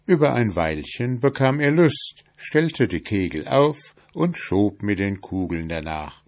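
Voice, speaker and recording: A man narrating a fairy tale aloud in a slow, measured storytelling manner. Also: fairly low pitch, big pitch swings, a little mellow. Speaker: audiobook narrator.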